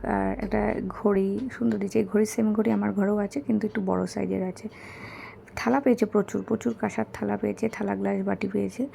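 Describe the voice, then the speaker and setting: A young woman talking softly and hoarsely in a casual chat while showing gifts, keeping her voice low because her son is asleep. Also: steady tone, quick pace, slight background noise. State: hoarse, her throat is bad.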